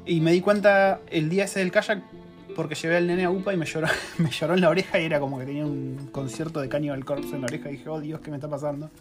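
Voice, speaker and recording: A man's voice: fairly high pitch, fairly even intonation, fast, over music. A man in his thirties with a Rioplatense Spanish accent, telling a story in a casual, slangy, self-mocking way as a podcast co-host. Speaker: podcast co-host, course creator. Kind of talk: casual chat.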